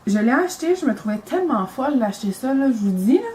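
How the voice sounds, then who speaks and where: A young woman with a Quebec French accent chats through a makeup vlog with a slightly high voice. She rambles and gushes, full of fillers and restarts. The recording has a faint hum of room ambience. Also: sing-song, fast, dark tone, poor audio. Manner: chatty, rambling, enthusiastic with many fillers. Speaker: beauty vlogger.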